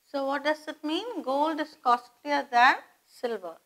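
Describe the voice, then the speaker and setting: Casting note: woman, patient exam-prep grammar teacher, very unhurried delivery. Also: high voice, fairly bright tone, rough recording. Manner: slow and deliberate, spelling words out and asking rhetorical questions. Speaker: English teacher. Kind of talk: grammar lesson for exam students.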